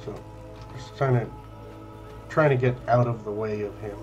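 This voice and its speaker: A young man giving casual, wry, deadpan let's play commentary on a video game. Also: lowish voice, moderate pace. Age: young adult. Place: small room indoors. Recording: band-limited, dull webcam-setup audio. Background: faint game music.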